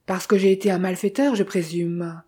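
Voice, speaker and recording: A woman voicing a grave gentleman thief. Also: on the low side, steady tone, moderate pace, slightly rough. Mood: earnest. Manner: earnest, insistent questioning.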